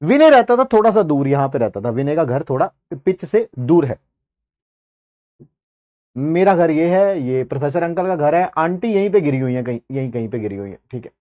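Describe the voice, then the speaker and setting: A high-pitched man in his forties spins an animated story for his students. His delivery is chatty and lively, and he keeps checking in with his listeners as he goes. The voice sounds close and dry, with no room echo. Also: moderate pace. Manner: animated, keeps tagging "ठीक है" and mixing in English phrases. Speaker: teacher.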